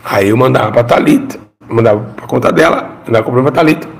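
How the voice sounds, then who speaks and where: A fast, creaky, medium-pitched male voice belongs to a middle-aged former pastor from Brazil giving a heartfelt testimony. His telling is dramatic, full of repeated phrases that he asks the audience to echo.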